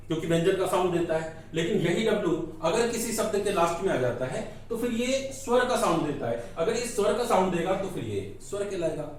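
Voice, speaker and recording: Male grammar teacher who poses questions and answers them, recorded from a distance in a very echoey room. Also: high-pitched. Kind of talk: classroom lecture explaining in Hindi.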